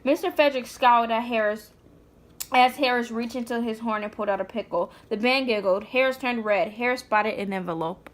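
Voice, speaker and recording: With a brisk pace and a slightly high voice, a woman reads a children's picture book informally to a small child, breaking off for chatty asides. She is a mother and vlog host sitting on the floor indoors.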